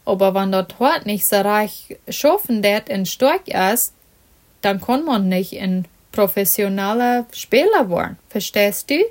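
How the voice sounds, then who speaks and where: A woman's voice: mid-range voice, animated, measured pace. A woman reading as a discouraged young footballer. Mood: resigned.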